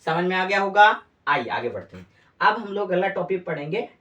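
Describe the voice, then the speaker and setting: Low-voiced woman teacher drilling students. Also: very animated, a little fast, a bit bright, distant mic, lo-fi sound. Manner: asks questions and answers them herself, repeating key words; scolds the students with mock impatience. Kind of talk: classroom-style grammar lesson.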